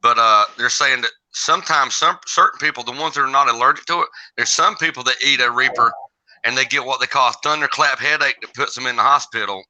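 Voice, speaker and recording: A man's voice: mid-range voice, quick pace, sharp tone. A man chatting casually as a livestream guest, in a folksy, informal manner. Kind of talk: casual chat. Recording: dull lo-fi call audio.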